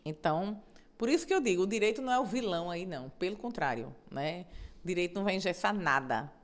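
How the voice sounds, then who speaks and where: A middle-aged woman judge, a guest in a conversational interview, explaining in an animated way and often checking in with tag questions. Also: lowish voice, fast talker.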